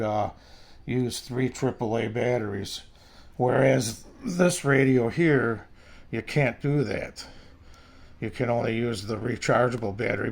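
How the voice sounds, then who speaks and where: A radio reviewer with a gravelly, mid-range voice casually demonstrates a product hands-on, rambling along in a folksy way.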